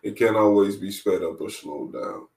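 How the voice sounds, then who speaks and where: A man in his twenties, a wellness coach guest, speaking in a measured, reflective way and repeating key phrases for emphasis. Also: fairly low pitch, creaky, darkish tone. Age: 20s. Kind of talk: reflective interview talk. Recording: roomy sound, distant from the mic.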